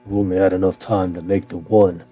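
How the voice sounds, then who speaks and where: A man's voice: low-pitched, flat delivery, brisk, mellow, husky, highs cut off, soft background music, pitched below the performer's own voice. A man playing a modest, downcast, hesitant male inventor in a tabletop game.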